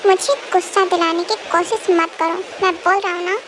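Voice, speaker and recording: A woman's voice: very high-pitched, flat delivery, normal speed, noisy background. A woman voicing a bossy, short-tempered young mafia king husband who scolds and gives impatient commands. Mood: irritated.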